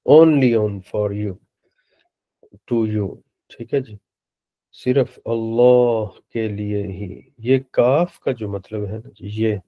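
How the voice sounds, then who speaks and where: A man teaching a beginner Arabic lesson, speaking slowly and patiently and repeating words for his students. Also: mid-range voice, lo-fi sound. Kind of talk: online lecture in Urdu.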